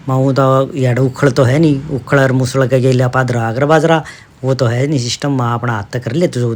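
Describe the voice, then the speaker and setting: A middle-aged man chats through his everyday family vlog. He keeps pointing things out to the viewer in a homely, easygoing manner. His voice sits at an ordinary middle pitch. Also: darkish tone. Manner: chatty, homely, addresses viewers with "dekho". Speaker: vlogger, father. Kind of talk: casual vlog narration.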